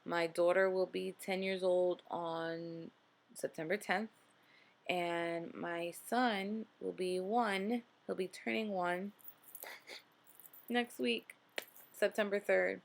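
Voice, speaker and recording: A vlogger in her late twenties with a New Jersey accent talks earnestly to the camera in a casual motivational video, peppering her speech with fillers and "okay?" check-ins. Her voice is lowish and steady, with vocal fry, and she takes her time.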